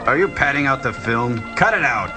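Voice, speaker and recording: A man's voice: medium pitch, animated, brisk, rough recording. A man tossing off snarky, mocking quips while riffing on a movie, with film music behind him. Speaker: movie riffer. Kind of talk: comedic riffing over a film. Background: film soundtrack music.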